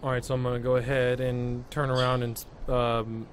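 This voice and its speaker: A man's voice: mid-range voice, level tone, moderate pace, noisy background. A man playing a tabletop game, speaking in a hesitant way with many fillers. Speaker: player. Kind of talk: casual tabletop game play.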